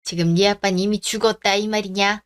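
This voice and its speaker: A woman playing a stubborn, scolding older mother-in-law in a radio drama, sharp-tongued and nagging. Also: medium pitch, steady tone, a little fast, clear, resonant tone, close to an everyday voice. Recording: dry close studio sound.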